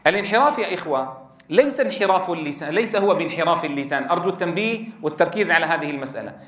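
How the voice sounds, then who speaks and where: A man's voice: fairly high pitch, lively intonation, rapid-fire, a bit bright. A man teaches a lesson on Quran recitation. He stresses and repeats each key point as he talks to his students. The recording has a roomy echo. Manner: emphatic, repeats key points, addresses listeners as brothers. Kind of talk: classroom lecture on recitation rules. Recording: echoey room.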